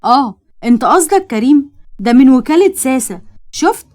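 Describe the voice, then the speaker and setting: A woman with an Egyptian accent voicing an eccentric young woman inventor who talks in an excited, defiant way. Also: high voice, moderate pace.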